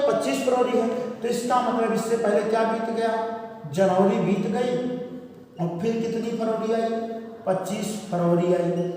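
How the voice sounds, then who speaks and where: A man's voice: extremely high pitch, a little mellow. A man teaching a classroom math lesson, asking questions and answering them himself. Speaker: reasoning teacher. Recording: echoey room, voice far from the mic.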